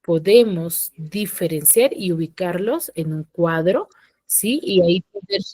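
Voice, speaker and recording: Woman teacher, online class; slow, patient explaining, steady check-in questions, dry close sound. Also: on the low side, breathy edge, dry recording. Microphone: computer mic on a video call.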